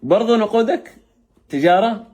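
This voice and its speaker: A man with a Saudi Arabic accent chatting warmly with a family, coaxing and laughing often, repeating his phrases. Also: sits high, animated, moderate pace. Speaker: youth football coach giving gifts. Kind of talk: casual chat with a family. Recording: roomy echo, faint background noise.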